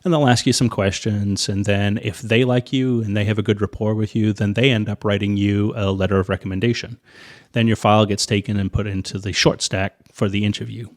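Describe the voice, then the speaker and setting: Northern Irish man, pilot guest, lower register, animated raconteur who mimics others. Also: brisk. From Northern Ireland. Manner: animated storyteller, acts out quoted voices with big pitch jumps. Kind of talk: casual interview storytelling.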